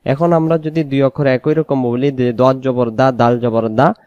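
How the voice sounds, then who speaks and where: A man from Bangladesh, speaking Bengali with a Bangladeshi accent, teaches how to pronounce Arabic letters for Quran recitation, slowly repeating each sound. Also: mid-range voice, mellow, dry recording, lo-fi sound. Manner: slow, repetitive drilling of letter sounds; sometimes sings out the letters. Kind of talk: spoken tutorial on Arabic letter pronunciation.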